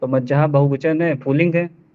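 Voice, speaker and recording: A man student reciting answers in an online class, halting and hesitant, often repeating words. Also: a little high, steady tone. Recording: tinny phone-like call audio.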